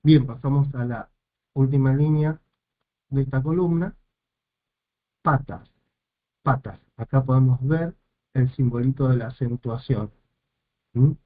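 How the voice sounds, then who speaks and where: A man teaching a lesson step by step, slow and methodical, repeating each term as he goes. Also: medium pitch. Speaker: Hebrew teacher. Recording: tinny phone-like sound.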